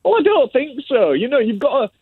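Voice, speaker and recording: High-pitched Yorkshire radio caller, animated, phone line. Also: male voice, a little fast, husky, no echo. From Leeds, England. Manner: cheerful, blunt storytelling with acted-out quotes. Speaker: caller to a radio talk show. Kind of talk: casual, chatty radio show caller. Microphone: phone call. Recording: tinny narrow phone line.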